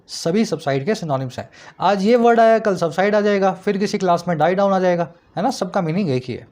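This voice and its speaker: High-voiced tutor. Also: male voice, a little mellow. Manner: explanatory, asks students rhetorical checks, reads example sentences slowly. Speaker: English tutor. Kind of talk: vocabulary lesson explaining words.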